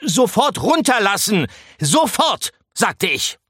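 Storybook mouse, a male narrator doing it: whiny, fussy homebody, high-pitched and loud, dry sound. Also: sing-song, measured pace, no room sound, exaggerated voice. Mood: indignant. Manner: whiny, indignant, squeaky. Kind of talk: audiobook character voice.

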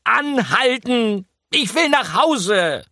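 A man doing a squeaky, whiny male mouse. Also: big pitch swings, very slow, bright, forceful tone, dry recording, studio quality, full character voice. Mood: indignant. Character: sickly fussy male mouse homebody. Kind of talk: audiobook character voice.

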